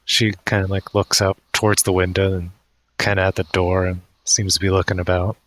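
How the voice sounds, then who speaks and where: A man's voice: low voice, little pitch movement, fairly quick, fairly bright tone, a little hiss or hum, low-quality recording. A man narrating as dungeon master in a tabletop game, hesitant with many restarts.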